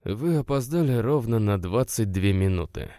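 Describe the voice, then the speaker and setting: A man's voice: on the low side, expressive, normal speed, warm tone, no room sound, lightly acted. A man reading aloud voices an irritable, stubborn young man who answers curtly. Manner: dry, curt, grumbling.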